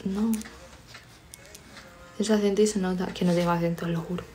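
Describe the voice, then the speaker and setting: A woman's voice: on the low side, fairly even intonation, moderate pace, mellow, faint music behind. A young woman from Spain chatting on a live stream from home, teasing viewers and reading their comments aloud. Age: young adult. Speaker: livestreamer. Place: home, studying.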